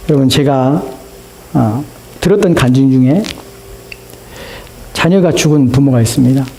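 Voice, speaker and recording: A man's voice: mid-range voice, darkish tone, a little hiss or hum, low-quality recording. A man preaching a Sunday sermon as pastor in a church, impassioned and rising to emphatic peaks. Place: church sanctuary.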